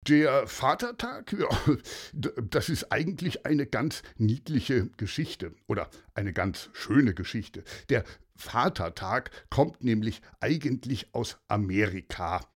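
An actor playing a kindly police inspector who explains things hesitantly with many fillers. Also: male voice, mid-range voice, expressive, slow pace. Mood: explaining.

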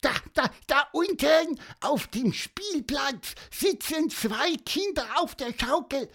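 A woman's voice: high-pitched, lively intonation, takes it slowly, a bit bright, full character voice. A woman voicing a small, eager, helpful bird in an audio storybook, chatty and stammering with fillers.

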